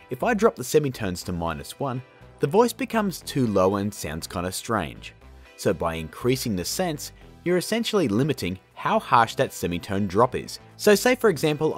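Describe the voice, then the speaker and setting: A husky-voiced man in his thirties, pitched mid-range, narrates a casual software tutorial as the host of a how-to video. He's informal and jokey, his pitch swinging widely as he leans on key words. Faint music plays underneath.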